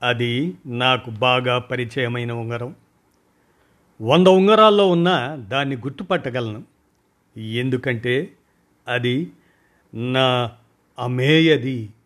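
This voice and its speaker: A man narrating a first-person short story in a measured, deliberate reading. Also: mid-range voice, a bit bright.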